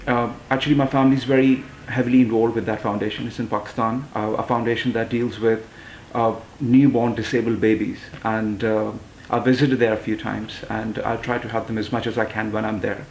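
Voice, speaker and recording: Gravelly, flat-voiced young man in an echoey room. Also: on the low side, a little fast, a little hiss or hum. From London, England. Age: 20s. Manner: hesitant, many fillers and restarts. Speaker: pageant titleholder and model. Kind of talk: interview answers.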